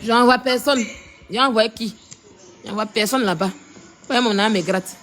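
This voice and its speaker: A woman's voice: on the high side, unhurried, noisy background. A woman giving mocking, repetitive live-stream commentary, often laughing as she talks. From Ivory Coast. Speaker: social media commentator.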